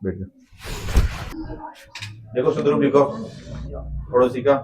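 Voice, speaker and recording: A man's voice: mid-range voice, measured pace, darkish tone, slight background noise. A middle-aged man teaching a Hindi spelling lesson in a classroom, coaxing his students with repeated tag questions.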